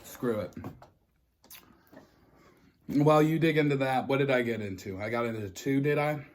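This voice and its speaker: A man talks in a casual, conversational way, as the host of a food vlog chatting with a friend. His voice sits at a medium pitch. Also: moderate pace.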